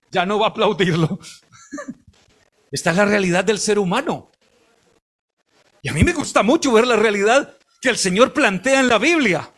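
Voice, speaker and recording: A male missionary preacher with a strikingly high, bright voice. He delivers his sermon emphatically, rising to shouts and chuckling along with the congregation. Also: big pitch swings, measured pace, long pauses.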